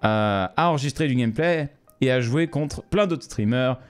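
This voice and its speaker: A man's voice: medium pitch, moderate pace, faint music behind. A man streaming live, chatting casually and jokingly with his viewers. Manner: chatty, joking, addresses viewers as ladies and gentlemen.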